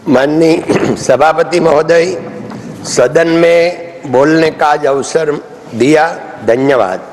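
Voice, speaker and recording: Male lawmaker, high voice, formal prepared address, long reverb of a parliament hall. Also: takes it slowly, darkish tone, a little hiss or hum. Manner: formal, reads from a prepared text, recites a Sanskrit verse. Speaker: member of parliament. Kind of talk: formal speech read in parliament. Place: parliament chamber.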